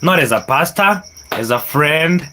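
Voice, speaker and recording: Kenyan male livestream host, chatty and unhurried, faint background hiss. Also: a little high, animated, pushed and bright. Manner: chatty, upbeat, laughing often, drawn-out emphasis. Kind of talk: casual livestream talk reading chats.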